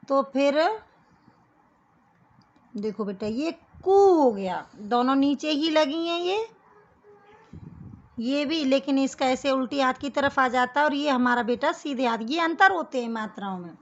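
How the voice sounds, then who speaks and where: A woman gives a children's lesson in a high voice, speaking slowly and patiently. She explains each step and keeps calling the kids "beta". The recording sounds dull and lo-fi. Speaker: teacher.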